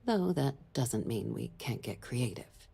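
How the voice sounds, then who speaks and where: Game role: crisp deputy diplomat, woman, low mellow husky voice. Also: big pitch swings, unhurried, heavily acted. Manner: formal, briefing tone. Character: brisk female deputy diplomat, middle-aged, composed. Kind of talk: video game dialogue.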